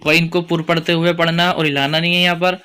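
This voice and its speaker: A man with a Pakistani Urdu accent teaching Quran recitation rules, explaining each point and chanting verses slowly. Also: a little high, little pitch movement, sharp tone, clear, resonant tone. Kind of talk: tajweed lesson with chanted recitation.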